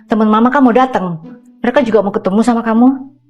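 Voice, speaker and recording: A woman's voice: on the high side, quick pace, lo-fi sound, faint music behind, close to an everyday voice. A woman playing a fussy middle-aged mother who scolds and teases her grown daughter in a comedy sketch. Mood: bossy. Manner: loud, nagging, teasing.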